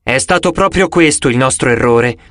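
A man's voice: medium pitch, moderate pace, a bit bright, no room sound, clean studio sound, close to an everyday voice. A man voicing a proud young immortal huntress who speaks in grave, old-fashioned phrases, in an audiobook.

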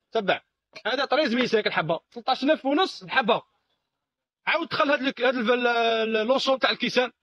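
Rapid high-voiced Algerian salesman. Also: fairly bright tone, no echo. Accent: Algerian Arabic. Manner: repetitive, insistent pitching with frequent exclamations. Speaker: shop salesman. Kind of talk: product showcase sales patter. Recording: dull lo-fi recording.

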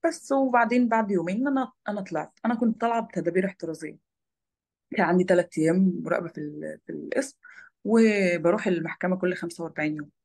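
A woman's voice: fairly low pitch, a little mellow, slightly rough. A young woman with an Egyptian Arabic accent, a former lawyer turned photojournalist, recounting her own experiences as an interview guest. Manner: rapid, tumbling storytelling.

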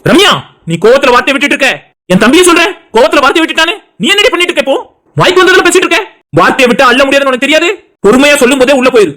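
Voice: mid-range voice, rapid-fire, close to an everyday voice. A voice actor playing a stern, short-tempered elder brother and husband in a cartoon drama, commanding and scolding.

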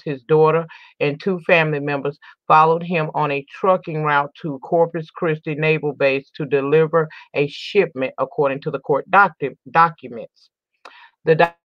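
A woman's voice: low-pitched, no room sound. A woman hosting a crime news channel, reading an article aloud and adding emphatic, indignant commentary, sometimes stumbling and restarting as she reads. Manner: emphatic and indignant, repeats words for stress. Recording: dry, dull lo-fi recording.

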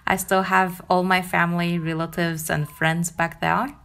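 A young woman from Japan with a Japanese accent, narrating her knitting vlog in a calm, gentle, chatty way; English is not her first language. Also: on the low side, unhurried, creaky. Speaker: knitting vlogger. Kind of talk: voice-over narration.

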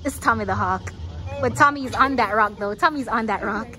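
A young woman casually quizzing students outdoors, teasing and quick to laugh. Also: on the high side, sharp tone, echoey room. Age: young adult. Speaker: street interviewer. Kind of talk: casual campus quiz interview. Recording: crowd chatter behind.

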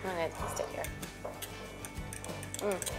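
A woman in her thirties hosting a cooking demo in a studio kitchen, chatty and bubbly, laughing often. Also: unhurried. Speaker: cooking show host. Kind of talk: casual cooking demo chat. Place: home-style studio kitchen. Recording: studio kitchen with background music.

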